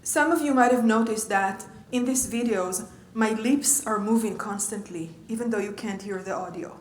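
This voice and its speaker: A woman's voice: mid-range voice, moderate pace, echoey room, a little hiss or hum. A woman giving a conversational lecture as a leadership coach, often checking in with her audience. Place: lecture room.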